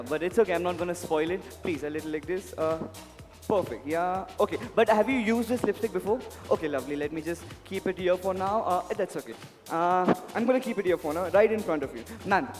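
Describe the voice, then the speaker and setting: A male stage magician works an audience with courteous, showy patter. His voice sits high for a man. It rings through a large reverberant hall, with music underneath. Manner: showman, polite, addresses volunteers with repeated pleas. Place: indoor event hall, on stage. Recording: echoey hall PA, music behind.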